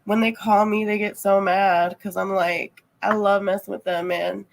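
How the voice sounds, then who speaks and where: A woman's voice: medium pitch, level tone, normal speed, creaky, rough recording. A woman livestreamer chatting casually with viewers, rambling and heavy on fillers. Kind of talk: casual chat.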